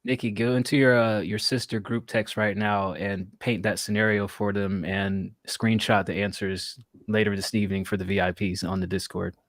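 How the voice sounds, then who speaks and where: A man's voice: lowish voice, level tone, normal speed, few pauses, no room sound. A young man co-hosting a casual comedy podcast, rambling and laid-back with lots of fillers. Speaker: podcast co-host.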